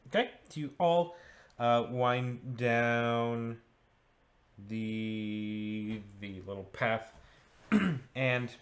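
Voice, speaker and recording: A man narrating as game master of a tabletop game, relaxed and checking rolls and rules as he goes. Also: medium pitch, drawn-out words.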